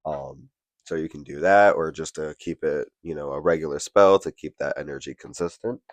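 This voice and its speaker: A man's voice: very deep voice, normal speed, dry recording. A man with a nasal, congested voice, chatting casually and with some profanity as he hosts a spell tutorial. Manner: chatty, profane, self-deprecating. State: congested from allergies. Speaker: witchcraft channel host.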